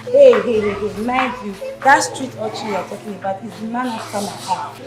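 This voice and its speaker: A woman's voice: mid-range voice, moderate pace, lightly acted. A woman playing a jealous, scheming schoolgirl who talks boldly and with sass. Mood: defiant. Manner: bold, sassy. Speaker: student. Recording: echoey, noisy crowd behind.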